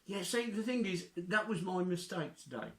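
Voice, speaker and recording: A man's voice: high-pitched, expressive, normal speed, fairly bright tone, reverberant. A man vlogging in a casual, chatty way, with dry, joking humour. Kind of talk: casual chat and outdoor walk-along commentary.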